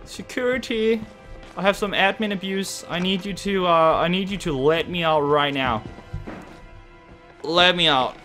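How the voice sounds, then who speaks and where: Male streamer, high voice, unhurried talk, swears and yells at scares. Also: soft background music. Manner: cursing, yelping and shouting when startled. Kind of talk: gaming livestream commentary.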